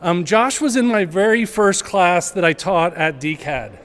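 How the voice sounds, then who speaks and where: A man's voice: sits high, a little slow. A man, a college department chair, giving casual remarks at a gallery event, projecting his voice to the room with frequent hesitations. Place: art gallery event, indoors.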